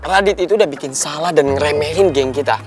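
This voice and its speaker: A man's voice: a little high, fast, close to an everyday voice. An actor playing a pushy young male student coaxing a classmate to join his gang. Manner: smooth-talking, persuasive. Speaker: college student gang leader. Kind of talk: sitcom acting. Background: background music.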